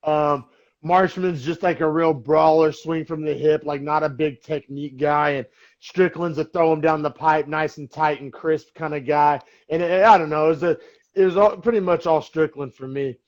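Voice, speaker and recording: A man's voice: on the high side, fairly even intonation, normal speed, muffled recording. A young man co-hosting a sports podcast, talking in a loose, rambling way with lots of fillers. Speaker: podcast co-host. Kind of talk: casual sports chat.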